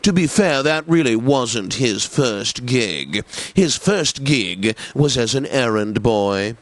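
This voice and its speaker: Voicing a snooty classical radio DJ in a video game, a man uses a mid-range, expressive voice with affected, carefully enunciated speech and droll gentility. There's no room sound.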